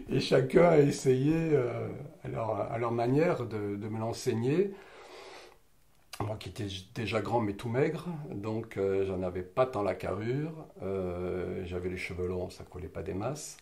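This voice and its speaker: A man in his fifties from French Catalonia, telling stories about his youth in a lively way, with frequent hesitations and laughter. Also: lowish voice, unhurried, vocal fry. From French Catalonia, southern France. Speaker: interviewee. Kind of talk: personal reminiscing in conversation.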